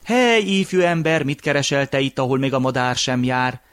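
A man's voice: high-pitched, noisy background, pitched above the performer's own voice, natural voice. A man voicing a thin, grey-haired old man who is exhausted and speaks in a weary, faltering way.

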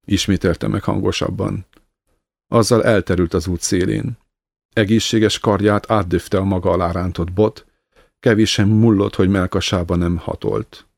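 Egy férfi nyugodt, kimért hangon olvas fel egy irodalmi elbeszélést. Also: male voice, low voice, vocal fry, no echo, clean studio sound. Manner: calm, measured reading. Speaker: narrator. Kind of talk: scripted narration of a literary story.

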